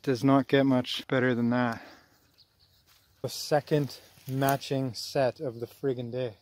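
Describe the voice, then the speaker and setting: A man's voice: mid-range voice, flat delivery, slow pace, a little mellow. A man in his thirties from Canada talking casually and enthusiastically in slangy, folksy phrases as an outdoor vlogger. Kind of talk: casual vlog commentary while shed antler hunting. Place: outdoors on wooded, rocky hillsides. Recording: clearly noisy outdoor handheld recording.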